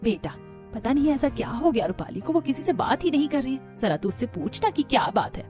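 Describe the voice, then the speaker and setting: A man voicing an older, caring mother-in-law in an animated story, gentle and concerned. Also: very high voice, fairly quick, voice pushed up. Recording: dull lo-fi with music.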